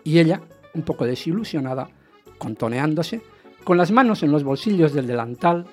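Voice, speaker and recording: A man's slightly high voice moves at normal speed and is expressive, with faint music in the background. He plays a radio-play husband, jealous and agitated, who tells of chasing down a rumour; the narration broods while his questioning stays insistent and dramatic.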